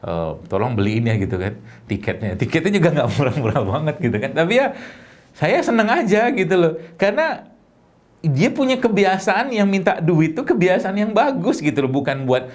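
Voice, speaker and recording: A man's voice: high-pitched, moderate pace. A middle-aged man, giving a sermon to a congregation. He talks like he is chatting with them and keeps asking them questions. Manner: conversational, animated, with rhetorical questions. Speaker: preacher.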